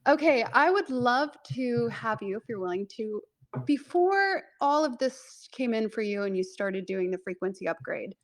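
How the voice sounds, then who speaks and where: A woman hosting a casual podcast interview, warm and appreciative, laughing easily and using chatty fillers. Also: fairly high pitch, expressive, normal speed.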